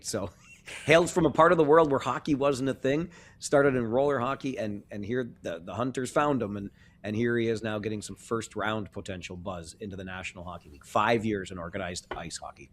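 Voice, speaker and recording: Genial sports podcast host. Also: male voice, fairly low pitch. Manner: genial, conversational, chuckles often. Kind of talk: casual sports podcast chat.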